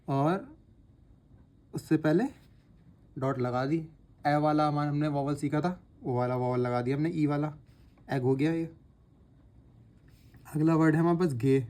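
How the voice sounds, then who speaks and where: A man teaching shorthand step by step, patiently repeating sounds slowly as he writes. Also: fairly high pitch, fairly even intonation, dark tone. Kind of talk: explaining step by step while writing.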